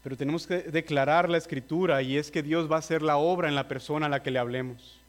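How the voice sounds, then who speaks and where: High-voiced earnest preacher man. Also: fairly even intonation, fast. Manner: earnest, urging listeners directly. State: nervous, admits trembling. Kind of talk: sermon.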